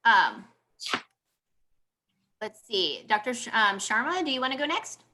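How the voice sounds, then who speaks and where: Bright-voiced woman moderating. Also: on the high side, sing-song, a little hiss or hum. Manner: brisk, with frequent ums. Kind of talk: hosting a video panel. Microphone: video call.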